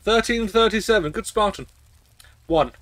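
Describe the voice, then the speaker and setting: A man's voice: high-pitched, moderate pace, a bit bright, no echo. A man streaming a video game, swearing and rambling as he gets tipsy from shots. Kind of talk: casual gameplay commentary.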